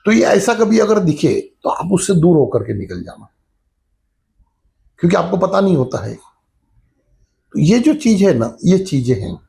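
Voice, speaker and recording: A man's voice: on the high side, gravelly, darkish tone. A middle-aged man giving a casual spiritual talk, telling a ghost story in a conversational way and leaning on the filler "you know" as he explains. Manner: conversational, repeats the filler "jo hai na" often. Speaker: spiritual teacher.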